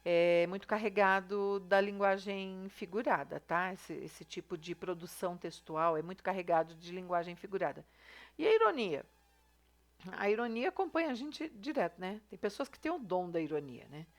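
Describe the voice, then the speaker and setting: A woman's voice: mid-range voice, animated, moderate pace. Lady teacher going over a review lesson, chatty, keeps checking in with the class. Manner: chatty, explaining step by step with frequent "tá?" and "né?".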